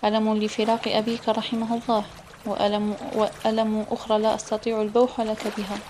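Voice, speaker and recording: A woman reading the part of a gentle, wise, widowed middle-aged mother in an audiobook, soft and tender. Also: mid-range voice, completely flat delivery, fast, a little hiss or hum, lightly acted. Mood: earnest.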